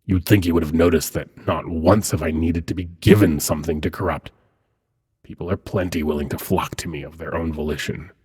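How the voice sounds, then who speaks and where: Smug and silky, a man with a very deep voice and fairly even intonation fully inhabits a seductive demon prince for an ASMR roleplay. He's breathy and husky, frequently close to a whisper, teasing with soft danger.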